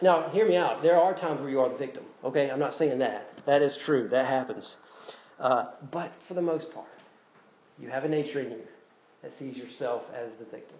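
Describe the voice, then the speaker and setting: The sermon comes from a Southern US pastor who speaks conversationally, pokes fun at himself, and repeats his key phrases. His voice runs high and a little mellow, captured lo-fi in an echoey room with faint ambience.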